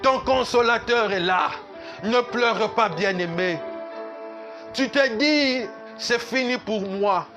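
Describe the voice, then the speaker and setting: A man's voice: extremely high pitch, slow pace, over music. A man pastor, preaching a sermon at a church service in an emphatic, repetitive way that slips into sung lines.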